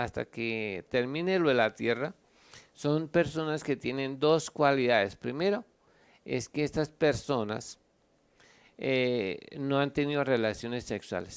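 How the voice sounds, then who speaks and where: With a smooth, mid-range voice, a Colombian pastor leads a Bible teaching Q&A, offering long explanations and reading scripture aloud while stopping now and then to locate verses.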